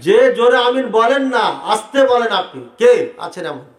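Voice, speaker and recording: A man preaching to a crowd, animated and rhetorical, asking the audience questions directly. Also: very high-pitched, moderate pace. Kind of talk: sermon debating prayer practice. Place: large hall with audience. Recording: echoey hall sound.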